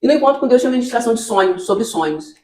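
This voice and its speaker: Fast-talking Brazilian woman pastor, echoey room. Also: on the high side. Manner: lively storytelling, acting out her own dialogue with God. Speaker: pastor, children's ministry leader. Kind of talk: testimony in a church podcast interview.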